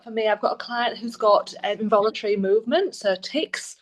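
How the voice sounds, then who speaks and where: A woman's voice: a little high, fairly quick. Polite woman asking a question on a call. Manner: polite, hesitant with fillers. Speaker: course participant.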